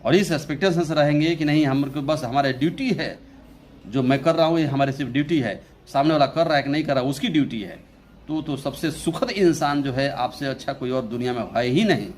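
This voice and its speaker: A young man teaching an English poem in Hindi as an Indian English speaker, talking slowly, repeating his phrases and reading the English lines very slowly. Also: medium pitch, darkish tone, slight background noise. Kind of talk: Hindi poetry lesson explaining a poem.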